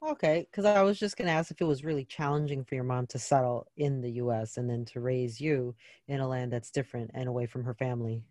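A man interviewing a guest, asking measured, prepared questions. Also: mid-range voice, a little mellow, dry recording.

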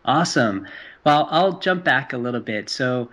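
A man's voice: medium pitch, lively intonation, normal speed, fairly bright tone. Friendly male game developer guest. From Hong Kong. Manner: friendly, eager, with restarts. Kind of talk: casual podcast interview.

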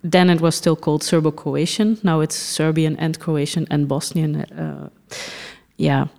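On a podcast, a middle-aged woman from the Netherlands, director of a film festival, talks thoughtfully, pausing often and letting out soft laughs. She has a low, creaky voice with fairly even intonation.

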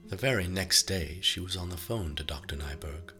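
A male audiobook narrator with a low voice and a bright, forceful edge, reading in an even and measured way. A faint plucked guitar plays softly beneath him. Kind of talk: scripted narration.

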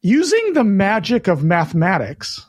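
A man co-hosting a podcast who talks in an upbeat, chatty way and often restarts his sentences. His speaking voice sits quite high for a man. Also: wildly swooping pitch, a little slow, dry recording. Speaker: podcast co-host. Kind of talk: casual chat.

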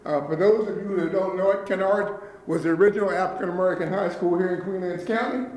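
A man's voice: sits high, darkish tone. A man leading a nonprofit, speaking earnestly and gratefully at a public meeting, often checking in with his listeners. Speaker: nonprofit leader addressing county officials. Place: meeting room. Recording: echoey meeting room.

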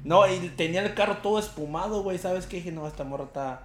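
A young man with a Mexican Spanish accent talks fast in a high-pitched voice, telling an animated story packed with slang in casual conversation. He acts out the quotes, and the sound is reverberant.

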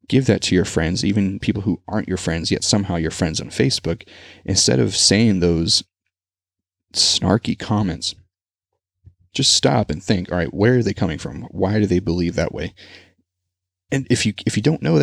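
A man's voice: low voice, creaky, no room sound, clean studio sound. A man hosting a solo podcast, talking in an earnest, rambling, conversational way. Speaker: podcast host. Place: Texas.

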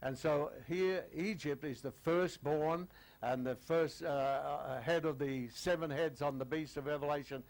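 An older man teaching a sermon, chatty with many fillers, reading scripture slowly, his voice a little croaky. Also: fairly high pitch, poor audio. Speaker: preacher.

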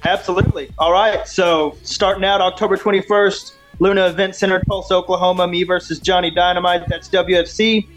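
A man's voice: high-pitched, level tone, brisk, few pauses, soft background music, rough recording. A man being interviewed as a pro wrestler, speaking casually with earnest confidence and promoting himself.

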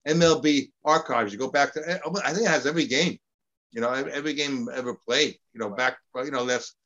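A man's voice: mid-range voice, a bit bright. Rambling man on a dull, lo-fi line. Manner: rambling, halting with fillers and repeats. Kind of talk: casual chat.

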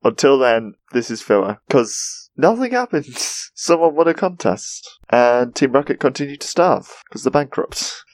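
A man's voice: mid-range voice, big pitch swings, normal speed. A man co-hosting a podcast, leading the segments and making dry, wry remarks while chatting casually about cartoons. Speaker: podcast co-host. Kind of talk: casual chat recapping cartoon episodes.

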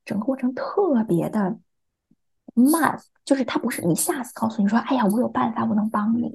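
Husky, gravelly young Chinese woman. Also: a little high, a little fast, a little mellow. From China. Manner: hesitant, repeats words while acting out remembered dialogue. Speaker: interview guest. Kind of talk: recounting a personal experience in a podcast interview.

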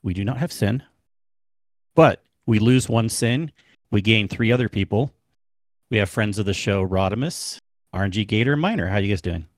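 Host, male, deeper tone, relaxed and chatty, dry close sound. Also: moderate pace, pauses often, no room sound. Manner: easygoing, laughs often, many fillers. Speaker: podcast host. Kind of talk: casual podcast chat.

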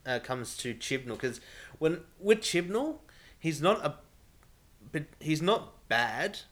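This Australian-accented podcast host keeps the chat casual and rambling, leaning heavily on the word "like." He speaks in a mid-range voice with a slightly bright tone.

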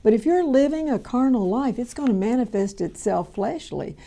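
A woman's voice: on the high side, animated, normal speed, vocal fry, dark tone. A woman, giving a conversational radio Bible teaching that rambles along with many fillers and restarts. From Kentucky, USA. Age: 70s.

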